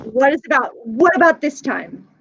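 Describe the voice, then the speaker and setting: A woman's voice: high-pitched, big pitch swings, normal speed, gravelly. A woman hosting a casual interview, asking questions and talking in an encouraging way. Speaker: interview panel host. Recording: dull lo-fi sound, faint noise.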